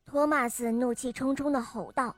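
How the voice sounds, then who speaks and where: A woman narrating a children's story about toy trains in a lively, friendly voice, as the show's regular storyteller. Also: high-pitched, normal speed, dry recording.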